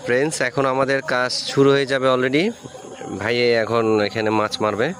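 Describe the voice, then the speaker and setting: A fishing vlogger chats directly to his viewers while fishing at a rural wetland, recorded on a phone. His mid-range voice is fairly quick, a bit bright and fairly even in intonation, with a little hiss or hum in the audio.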